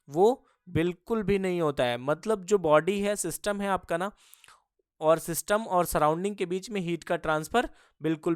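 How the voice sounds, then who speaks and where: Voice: mid-range voice, clear, resonant tone, no echo, studio quality. A physics teacher giving a lesson, who keeps asking questions and answering them, repeating each key term and calling the students kids. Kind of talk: classroom-style lecture.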